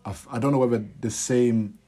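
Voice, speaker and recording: A man's voice: mid-range voice, fairly even intonation, brisk, dark tone. A young man with a London accent hosting a podcast, chatting casually in roadman slang. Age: young adult. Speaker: podcast host. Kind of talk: casual chat.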